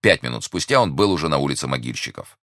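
A man with an extremely low, gravelly voice narrates a novel with measured delivery. His pitch moves with lively shape. The recording is dry and close. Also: dry recording. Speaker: audiobook narrator. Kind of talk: scripted narration.

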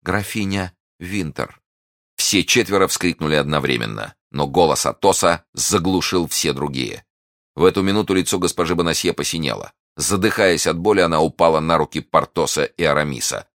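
A man reading a classic novel aloud as narrator, expressive and dramatic. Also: rumbling low, brisk, dry recording, clean studio sound.

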